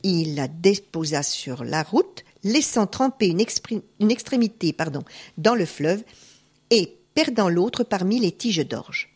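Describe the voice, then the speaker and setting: A woman reading a folk tale aloud as narrator, expressive and animated. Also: lowish voice, unhurried, husky. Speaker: storyteller.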